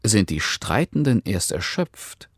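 A man's voice: on the low side, big pitch swings, takes it slowly, breathy edge, no echo, clean studio sound, full character voice. A man playing a sly, smug fox. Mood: scheming. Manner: smug, soft and mocking. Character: sly clever male fox, mock-polite.

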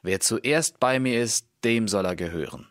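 A man's voice: fairly low pitch, a little slow, a bit bright, no room sound, clean studio sound, voice pushed up. A man voicing a brave young man from a fairy tale, speaking up eagerly and urgently.

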